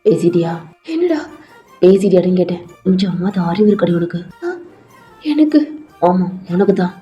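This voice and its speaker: Woman doing a low-voiced scolding young man. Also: moderate pace, highs cut off, soft background music, close to an everyday voice. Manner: low, chiding, steady. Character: young man, [name] member, calm, scolding friend.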